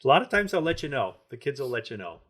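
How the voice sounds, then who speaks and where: A man hosting a podcast, talking in a reflective, measured way with filler words. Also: medium pitch, sing-song, a bit bright. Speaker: podcast host. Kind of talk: casual podcast conversation.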